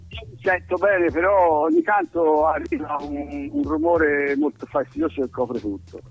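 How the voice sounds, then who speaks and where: A man, a farmer calling into a radio show, heard over a phone on speakerphone, talking with halting, stammering restarts. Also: on the high side, expressive. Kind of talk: casual chat. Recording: muffled lo-fi phone line.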